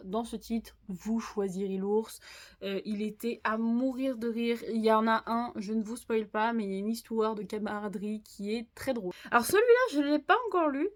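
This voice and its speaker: A woman chatting casually to her viewers as she shows off a haul of new books, with lots of fillers and little laughs. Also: fairly high pitch. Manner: chatty, frequent "euh" fillers, laughs at own jokes. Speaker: manga haul vlogger. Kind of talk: casual unboxing chat to viewers.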